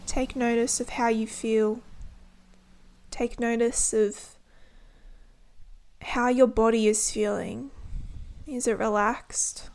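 The guide for this body-scan meditation is a woman whose voice sits on the high side with a level tone; she gives soft, soothing instructions in short, unhurried phrases.

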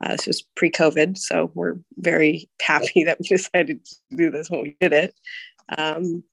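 A woman's voice: sits low, flat delivery, moderate pace, creaky, husky, dry recording. Woman from California, 30s, podcast guest, casual storytelling, dry close sound. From California, USA. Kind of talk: personal storytelling interview.

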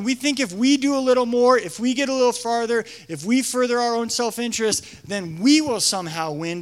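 A young man, a pastor, giving a casual storytelling sermon in an animated way, full of filler words. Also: high-pitched. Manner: animated, frequent fillers, acts out quotes.

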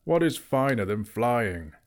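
A man's voice: medium pitch, very animated, measured pace. Man voicing a proud, teasing great eagle.

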